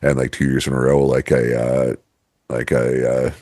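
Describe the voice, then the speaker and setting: A man's voice: very deep voice, level tone, normal speed, mellow, no echo, clean studio sound. A man co-hosting a podcast, telling stories in a rambling casual way with lots of fillers and restarts. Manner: rambling storyteller, many fillers and restarts, laughs easily. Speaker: podcast co-host. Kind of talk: casual chat.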